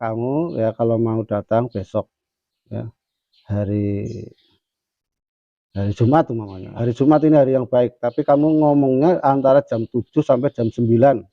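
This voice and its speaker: A man voicing a wise old male Islamic teacher who gently coaxes his student. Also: mid-range voice, normal speed, pauses often, dry recording, highs cut off, natural voice. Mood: advising. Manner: gentle coaxing questions.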